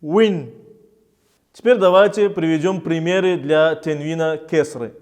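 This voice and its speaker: A man teaching Arabic reading who speaks slowly and deliberately and says each word twice. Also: a little high, darkish tone, long reverb tail. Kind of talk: recorded reading lesson.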